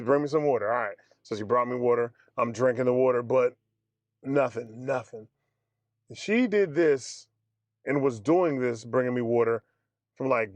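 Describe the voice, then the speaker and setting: A man streaming, telling a personal story in a casual, animated way, acting out the dialogue and calling his listeners family and fellas. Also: medium pitch, no room sound. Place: home streaming setup.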